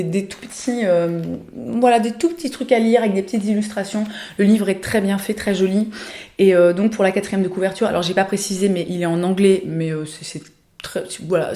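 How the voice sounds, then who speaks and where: A woman's voice: fairly low pitch, warm tone, reverberant. A young woman chatting casually about books and shows she recommends, with lots of hesitations and fillers. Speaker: lifestyle vlogger.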